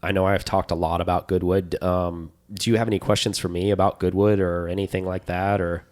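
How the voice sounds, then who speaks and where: Man, very deep voice, podcast co-host, enthusiastic rambling chat. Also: brisk. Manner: enthusiastic, rambling, animated storytelling. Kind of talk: casual chat.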